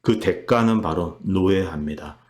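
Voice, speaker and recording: A man's voice: sits low, moderate pace, a little mellow. A male channel host giving an emphatic political commentary monologue, acting out quotes with heat. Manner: emphatic, reenacts quotes in a heated voice.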